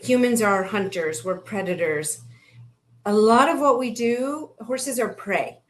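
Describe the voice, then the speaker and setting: A woman horse coach with a middle-pitched voice talks in a relaxed interview. She explains her ideas earnestly and keeps chiming in to agree. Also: unhurried. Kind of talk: casual interview conversation.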